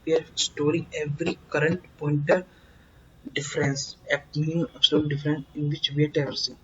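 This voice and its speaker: A man teaching a coding lesson, explaining slowly and emphatically, repeating words and filling pauses with "uh". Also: fairly high pitch, level tone, sharp tone, lo-fi sound, slight background noise. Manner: slow, repetitive, emphatic explaining with many fillers. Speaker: programming tutor.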